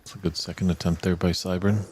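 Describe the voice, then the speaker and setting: Flat, low-voiced snooker commentator. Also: male voice, a little hiss or hum. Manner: measured, flat, analytical.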